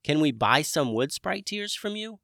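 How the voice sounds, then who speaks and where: A man voicing a polite young dragon who talks hesitantly, in halting bits. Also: a little high, sing-song, vocal fry, a bit bright, dry recording, studio quality, pitched above the performer's own voice, full character voice. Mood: earnest.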